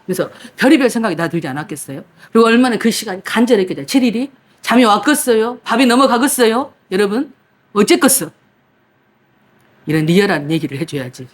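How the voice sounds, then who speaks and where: A woman pastor preaching, telling a personal story in a lively, dramatic way, acting out her own past cries and protests. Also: mid-range voice, fast talker. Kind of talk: sermon with personal testimony.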